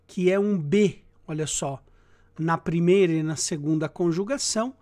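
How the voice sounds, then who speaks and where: A man teaching Latin grammar in a lecture, explaining slowly and checking in with his students, and chanting verb endings. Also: a little high, darkish tone. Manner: slow and deliberate, checks in with "tá?" and "né?".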